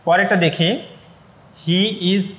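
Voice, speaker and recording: A man's voice: sits high, flat delivery, takes it slowly, a bit bright, echoey room. A man with a Bangladeshi accent, an English teacher giving an online class lecture, explaining step by step and repeating points for students.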